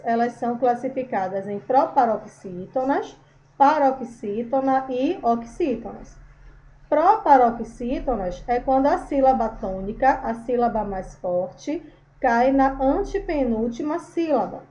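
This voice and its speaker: A woman's voice: a little high, expressive, a little slow, dark tone. A woman teacher giving a recorded grammar lesson, explaining patiently and calling her students by affectionate names. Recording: dull lo-fi recording.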